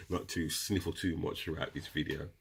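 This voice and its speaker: A crystal seller with a very deep, husky voice, congested from a cold and a runny nose, walks viewers through meditation step by step. He talks at a normal speed, casual and direct like a relaxed teacher, chatting away and calling his audience "guys."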